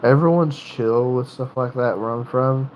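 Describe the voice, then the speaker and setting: Heard with lo-fi sound and slight background noise, a man with a medium-pitched, darkish voice chats casually on his livestream. He's from North Carolina, has a Southern accent, and rambles haltingly with lots of restarts.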